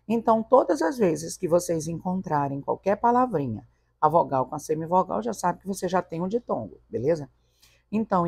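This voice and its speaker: A man's voice: fairly high pitch, vocal fry, darkish tone, slightly rough, no room sound, studio quality. A man teaching a casual video lesson, playful and affectionate with viewers. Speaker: Portuguese teacher.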